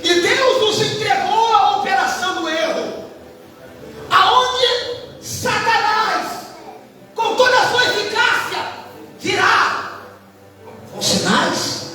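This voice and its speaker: A man from Brazil preaching a fervent sermon in a church, his voice climbing into high shouts. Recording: echoey hall, distant mic, music behind.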